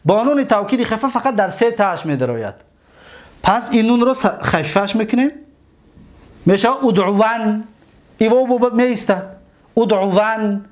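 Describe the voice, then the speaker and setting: A man teaching an Arabic grammar lesson, reciting word forms slowly and often checking whether his students follow. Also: high-pitched, animated. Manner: repeats and asks students if they follow.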